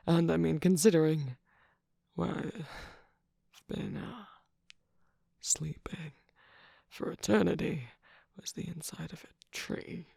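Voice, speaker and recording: A sly, manipulative male cookie trickster, voiced for an ASMR roleplay teases and needles in a breathy, gravelly hush. The delivery is slow and unhurried. The voice sits close and dry, with no room around it. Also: medium pitch, dry recording, full character voice. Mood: teasing. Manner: teasing, sarcastic, soft whispering with sudden laughs.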